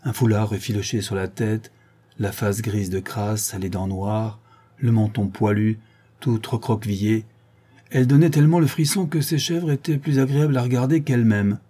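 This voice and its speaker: Dark husky male narrator. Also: lowish voice, moderate pace. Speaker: audiobook narrator. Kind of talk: scripted narration.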